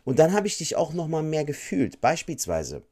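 A man's voice: on the high side, very animated, normal speed, dark tone. A comedian chatting casually about his shows, telling loose, slangy stories and quoting voices as he goes. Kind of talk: casual chat.

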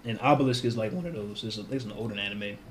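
Fast-talking man in casual chat. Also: on the low side, a little hiss or hum. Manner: fast, emphatic, swears freely. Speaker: podcast co-host.

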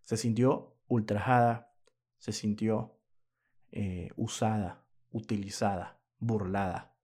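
A man's voice: on the low side, fairly even intonation, slow, darkish tone, breathy edge. A man hosting a podcast, telling a story in a casual monologue, indignant and moralizing, throwing rhetorical questions at his listeners. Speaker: podcast host.

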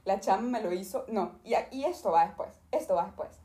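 A young woman with a Venezuelan accent tells her story straight into a desk microphone. She retells it dramatically and acts out the people involved. Her voice sits in a middle pitch and the room around her sounds echoey. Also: expressive, brisk, mellow. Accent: Venezuelan Spanish. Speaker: YouTuber. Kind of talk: storytime vlog.

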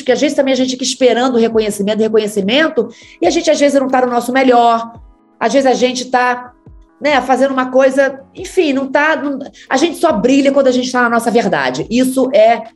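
A woman's voice: sits high, brisk, soft background music. A talkative Brazilian woman, an actress, telling stories from her career in a casual, laughing way. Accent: Brazilian Portuguese. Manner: chatty, laughing, talks a lot. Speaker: actress, interview guest. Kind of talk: casual storytelling.

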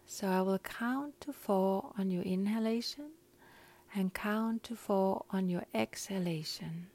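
A woman guiding a breathing meditation in a calm, soft, often whispery voice, counting breaths. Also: medium pitch, a little slow.

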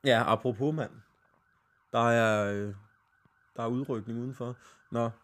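A male podcast host with a middle-pitched voice reads a listener's night-out story. He talks loosely, swears casually and trips over words. He laughs between phrases. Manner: lively, laughing, swearing casually, stumbles while reading. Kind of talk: casual podcast chat, reading listener stories aloud.

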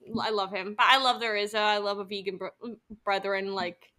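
A woman's voice: medium pitch, fairly even intonation, normal speed, bright, forceful tone. A woman co-hosting a casual podcast, playful and jokey, chatting about music in a living room. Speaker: podcast co-host. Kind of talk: casual chat.

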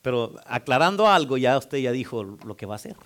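A man's voice: mid-range voice, very animated, brisk, fairly bright tone. Man preaching with call and response. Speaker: pastor. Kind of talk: sermon.

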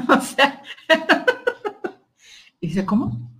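A woman's voice: fairly high pitch, unhurried. Mexican woman telling a story animatedly. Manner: animated, quotes others, frequent "o sea" fillers. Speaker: podcast guest. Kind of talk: casual storytelling.

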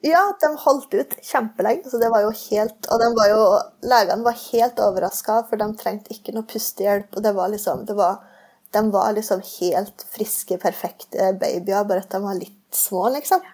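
A woman guest recounts a long personal story in easy, casual conversation, circling back and padding her sentences with fillers. Her voice is mellow and a little husky. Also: medium pitch, steady tone. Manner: rambling storytelling with many fillers. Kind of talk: casual chat.

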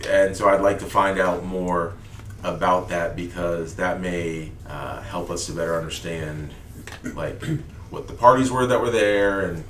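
A man with a fairly low voice talks through his plans as a player in a tabletop game, hesitant and full of restarts. He is picked up from a distance in a roomy space. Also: fairly even intonation, measured pace, fairly bright tone, slight background noise. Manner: hesitant, lots of fillers and restarts. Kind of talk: casual tabletop game chat.

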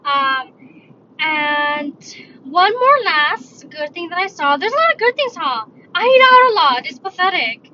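A woman's voice: extremely high pitch, very animated, unhurried. A woman hosting a podcast, talking casually on her own from her car, rambling and correcting herself as she goes. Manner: rambling, self-correcting, chatty. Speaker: podcast host. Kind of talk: casual solo talk. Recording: dull lo-fi sound with faint noise.

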